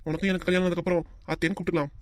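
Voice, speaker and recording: Brief: woman as polite young male suitor, southern Tamil accent, rushed delivery, dry mic. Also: lowish voice, flat delivery, no room sound, natural voice. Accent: Tamil, southern Tamil Nadu. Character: young man, courteous suitor.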